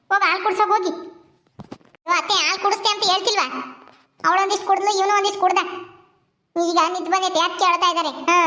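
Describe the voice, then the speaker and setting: A young mother, chatting fast and coaxing her crying babies at home. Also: very high-pitched, bright, forceful tone, echoey room. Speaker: young mother of infant twins. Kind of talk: casual home vlog talk.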